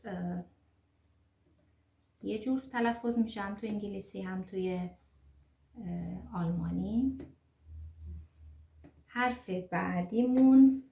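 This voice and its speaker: A woman teaching an online language lesson, pronouncing letters one by one slowly and carefully, with small fillers as she explains. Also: medium pitch, darkish tone, roomy sound. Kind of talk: online lesson on the German alphabet.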